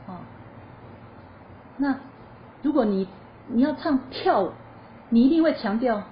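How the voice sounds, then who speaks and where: A woman teaching a choir lesson, explaining musical phrasing in a lively, chatty way and asking her listeners questions before answering them. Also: a little high, slow pace. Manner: lively explanatory, sings short demo phrases. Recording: slightly dull lo-fi recording with faint noise.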